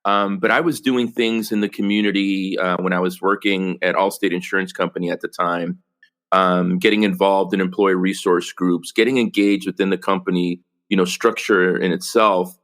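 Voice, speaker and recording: Man from El Salvador, low voice, podcast guest, earnest, lots of ums and restarts. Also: level tone, normal speed, a bit bright. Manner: earnest, many fillers and restarts. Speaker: podcast guest, company executive. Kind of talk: casual interview conversation.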